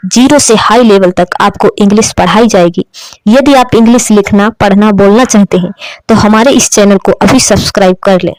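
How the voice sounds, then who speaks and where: A woman's voice: medium pitch, a little mellow, no room sound, low-quality recording. A woman from India giving an online English lesson as teacher, drilling sounds with repeated questions and answers.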